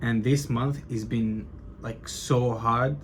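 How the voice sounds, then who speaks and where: A man's voice: medium pitch, fairly even intonation, takes it slowly, a little hiss or hum. A young man talking casually to his camera in a vlog, loose and rambling, often saying like and bro, with some stuttering. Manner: loose and chatty, says bro and like a lot, stutters. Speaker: vlogger documenting his business.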